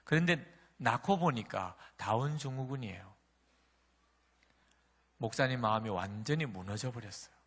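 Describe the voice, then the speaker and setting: A man's voice: medium pitch, expressive, moderate pace, pauses often, a bit bright. A man preaching a sermon as pastor, impassioned and rising in intensity as he acts out prayers and questions. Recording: long hall reverb.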